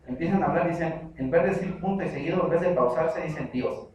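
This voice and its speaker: Man, Mexican accent, pastor's sermon, emphatic, fairly high voice, heavy church echo, distant mic. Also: quick pace, darkish tone, slight background noise. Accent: Mexican Spanish. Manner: emphatic, repetitive preaching with mimicked prayers.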